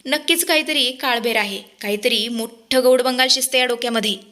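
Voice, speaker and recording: Brief: woman doing a suspicious old grandmother in a soap-drama retelling, brusque, bright voice. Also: on the high side, brisk.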